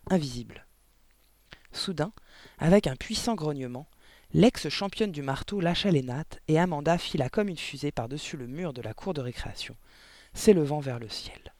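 A man reading a children's novel aloud with lively, dramatic storytelling. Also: a little high, normal speed, no room sound. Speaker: audiobook narrator. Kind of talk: expressive audiobook narration.

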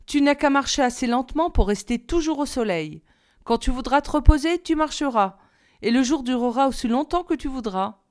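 Lady reading as a curious little prince boy, eager questions, higher voice, smooth and clear. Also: animated, a little fast. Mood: earnest. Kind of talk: audiobook reading.

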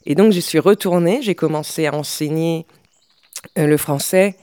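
A woman's voice: sits low, normal speed, dark tone, smooth, dry recording. A middle-aged woman speaking as an interview guest, in a hesitant way with frequent fillers and restarts. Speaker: guest, language specialist. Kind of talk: conversational interview.

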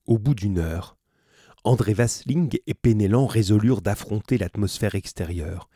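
A man reading a novel aloud, steady narration broken by playful, joking asides to his listeners. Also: deep voice, slightly rough, no room sound, clean studio sound. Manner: playful, breaks off to joke and comment. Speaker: audiobook reader.

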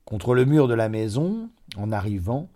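A man reading a literary short story aloud in a measured narration. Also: on the low side, sing-song, dark tone. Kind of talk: scripted audiobook narration.

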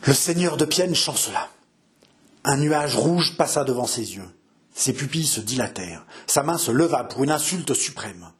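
A man's voice: mid-range voice, animated, normal speed, fairly bright tone. A man reading a historical novel aloud with theatrical, emphatic narration. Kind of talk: dramatic audiobook narration.

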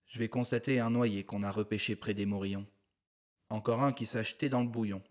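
A man's voice: on the low side, steady tone, fairly quick, close to an everyday voice. A man voicing a plain-spoken male rural policeman, rustic and matter-of-fact.

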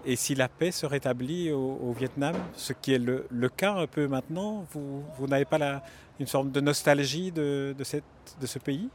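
A man's voice: mid-range voice, normal speed. A male reporter conducts interviews outdoors at a city station. He asks his questions with frequent small restarts and repeated words. Faint traffic noise sits in the background. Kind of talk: field interview.

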